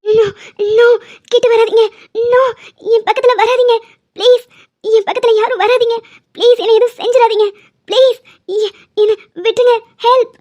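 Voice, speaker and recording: A woman's voice: very high voice, steady tone, moderate pace, pauses often, warm tone. A woman voicing a terrified young female patient in a cartoon drama, pleading and childlike. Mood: fearful pleading. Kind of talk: cartoon voice acting. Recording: dull lo-fi sound.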